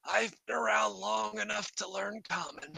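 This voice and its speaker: A man voicing an old male kobold servant who speaks slowly with polite, formal courtesy. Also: high voice, steady tone, creaky, bright, forceful tone, slight background noise, pitched above the performer's own voice, full character voice. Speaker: game master. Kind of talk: tabletop role-play voice.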